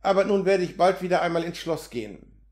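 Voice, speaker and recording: Barnabas, a man reading a gentle messenger. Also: sits high, brisk. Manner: gentle, calm and unruffled. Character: meek young male village messenger. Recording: roomy echo.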